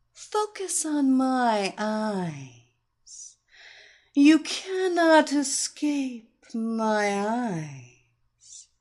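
A woman voicing a seductive, commanding woman hypnotist who speaks in a slow, droning, hypnotic way. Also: a little high, darkish tone.

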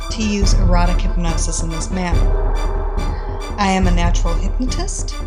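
A woman hosting a podcast, reading scripted introductions and stories in a slow, deliberate hypnotist's manner. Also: medium pitch. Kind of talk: scripted introduction and story narration.

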